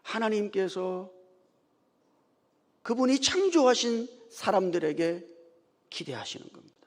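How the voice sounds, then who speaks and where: A man's voice: high-pitched, lively intonation, measured pace. Man preaching with long church reverb. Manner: storytelling, building to loud emphatic peaks. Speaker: pastor. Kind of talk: Sunday morning sermon. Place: church sanctuary.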